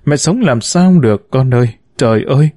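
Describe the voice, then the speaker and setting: A man's voice: mid-range voice, lively intonation, fairly quick, no room sound, clean studio sound, lightly acted. A man voicing a bitter, wounded middle-aged mother who reproaches and laments to her son in an audiobook story. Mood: pleading lament. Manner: reproachful, lamenting, sharp-tongued.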